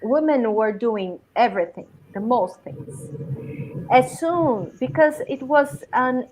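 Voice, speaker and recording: A woman's voice: on the high side, lively intonation, slow pace, darkish tone, faint music behind, poor audio. A woman from Brazil with a Brazilian Portuguese accent, a film director who speaks English carefully and searches for her words. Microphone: video call.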